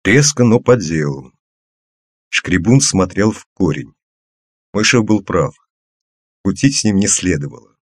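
A man reading a first-person audiobook in a measured, even way. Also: sits low, slightly rough, dry recording, studio quality. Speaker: audiobook narrator.

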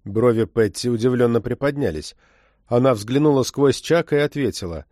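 A man reading an audiobook novel in a steady, measured narrating voice. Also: mid-range voice, no room sound, clean studio sound. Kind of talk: scripted narration.

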